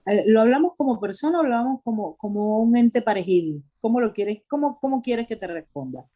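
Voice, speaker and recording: A woman from Venezuela giving personal testimony in an interview, hesitant and pausing often to search for words. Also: on the high side, lively intonation, mellow.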